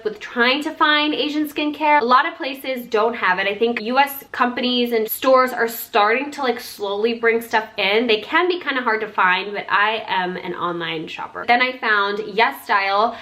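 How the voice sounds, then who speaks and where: A woman's voice: medium pitch, bright, forceful tone. A young woman who grew up in Singapore, chatting in a bubbly, gushing way as she unboxes skincare products for her channel. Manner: bubbly, chatty, lots of "like" and "oh my God". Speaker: beauty YouTuber. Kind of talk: sponsored skincare unboxing vlog.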